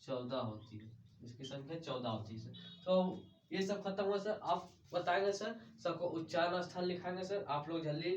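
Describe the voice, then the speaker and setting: Man, grammar teacher, question-and-answer drilling, somewhat high voice, distant muffled mic, echoey room. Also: moderate pace, slight background noise. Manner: asks a question and answers it himself, addresses everyone as sir. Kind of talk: grammar lesson with call-and-response drilling.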